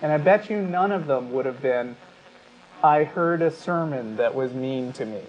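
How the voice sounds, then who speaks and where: A man with an expressive, medium-pitched voice co-hosts a talk show at normal speed, blending conversation with passages read out loud. The lo-fi sound is dull and carries clear background noise.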